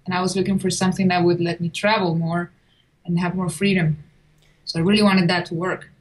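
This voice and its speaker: A woman's voice: lowish voice, flat delivery, fairly quick, rough recording. Chatty woman. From Chile. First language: Spanish. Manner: chatty, with frequent restarts and small laughs. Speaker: guest. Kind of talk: casual interview.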